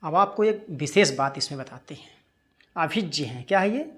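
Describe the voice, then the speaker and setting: Man teaching Hindi spelling, slightly high voice. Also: lively intonation, fairly bright tone. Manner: asks and answers his own questions, repeats words slowly. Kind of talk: spelling lesson.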